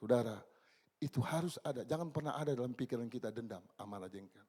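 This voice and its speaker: A man in his sixties preaching a church sermon, swinging between loud exclamations and low, quiet asides. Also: lively intonation, fast, breathy edge. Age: 60s. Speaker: pastor. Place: church service.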